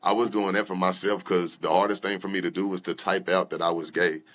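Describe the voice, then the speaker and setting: A man's voice: deep voice, level tone, a little fast, fairly bright tone. A young man, a rapper and guest, telling his personal story candidly in loose conversational talk with many fillers and restarts. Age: young adult.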